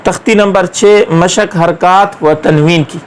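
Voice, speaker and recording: A man's voice: sits high, fairly even intonation, takes it slowly, smooth, poor audio. A man teaching Quran reading, patiently spelling out syllables one by one and drawing out each sound. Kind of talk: slow step-by-step recitation lesson.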